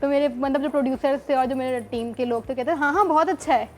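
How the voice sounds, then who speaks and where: A woman from Pakistan, a news anchor guest, recounting stories with quick restarts. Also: high voice, a little mellow. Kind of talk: casual chat.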